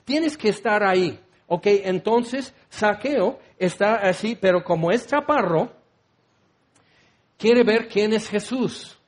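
A man preaching a sermon, rambling and joking as he acts out the scene with voices. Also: high voice. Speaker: pastor.

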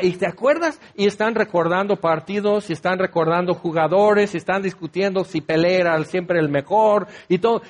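A man preaching a conversational sermon, asking the listeners rhetorical questions. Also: high-pitched. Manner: conversational, uses everyday examples and rhetorical questions.

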